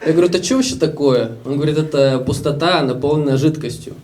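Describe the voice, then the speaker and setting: A man's voice: a little high, quick pace, a little mellow, recorded from a distance. A young Russian man in his twenties telling stories casually in a stand-up comedy set, acting out the voices of other people. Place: live comedy show with audience.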